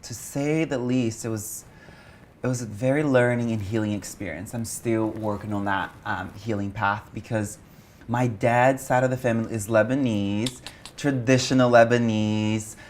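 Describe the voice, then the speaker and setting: A man from Brazil, speaking as an interview guest in an open, expressive way and swearing casually. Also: lowish voice, normal speed, a little hiss or hum. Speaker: guest, meditation teacher and coach. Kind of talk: candid interview chat.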